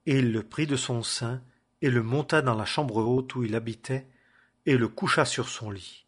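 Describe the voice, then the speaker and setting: A man reads scripture aloud in a measured, solemn manner. His voice sits at a middling pitch and sounds husky and breathy. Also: a bit bright. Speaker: scripture reader. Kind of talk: scripture reading.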